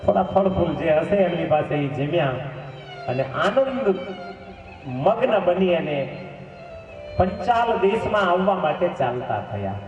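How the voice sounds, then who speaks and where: Fervent preacher in an echoey hall. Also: male voice, sits high, big pitch swings, a little slow, long pauses. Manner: fervent, storytelling with asides to the audience. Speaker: religious storyteller. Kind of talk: devotional scripture discourse. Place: temple hall at a festival. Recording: echoey hall, distant mic, dull sound, faint music.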